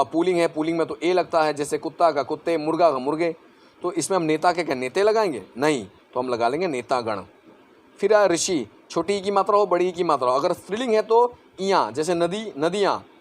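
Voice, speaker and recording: A man teaching Hindi grammar to exam students in a conversational way, with an Assamese-influenced accent, repeating words and asking and answering his own questions. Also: on the high side.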